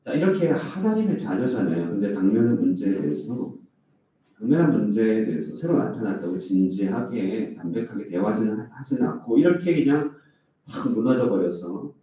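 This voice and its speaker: A man's voice: fairly low pitch, dark tone. A male pastor preaching an early-morning sermon, asking the congregation rhetorical questions and acting out complaints in a raised voice. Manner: acts out quoted complaints in a raised voice. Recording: echoey hall, speaker far from the mic.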